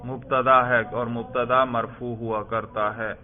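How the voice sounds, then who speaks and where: A man's voice: mid-range voice, little pitch movement. A man teaching an Arabic grammar lesson, questioning students and drilling their answers. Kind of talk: classroom lesson. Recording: phone-like narrow sound.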